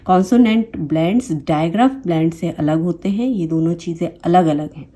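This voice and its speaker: A woman teaches English phonics with an Indian English accent. Her voice is somewhat low and mellow, and the talk is patient and explanatory. She says each example word twice, slowly and clearly. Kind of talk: phonics lesson.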